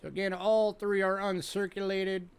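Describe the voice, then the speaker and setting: A man's voice: high-pitched, flat delivery, moderate pace, clean tone. A man hosting a casual live-stream auction, chatty and joking as he sells items one by one. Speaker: online auction host.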